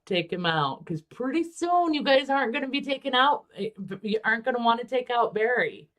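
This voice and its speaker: A woman hosting a casual livestream about miniature painting, relaxed and chatty with frequent ums. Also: on the high side, brisk.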